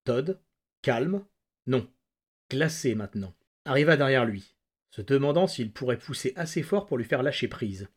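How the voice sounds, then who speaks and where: Homme lisant un récit avec gravité. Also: male voice, mid-range voice, animated, husky. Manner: measured, dramatic narration. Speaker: reader. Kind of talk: audiobook reading.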